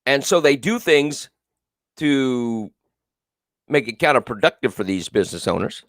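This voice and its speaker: Here the host speaks at a mid-range pitch, a little slowly, with lively intonation, on a dry and clean studio recording. He is a man with a big, carrying voice offering emphatic, repetitive political commentary on a live call-in show while reading viewer comments aloud.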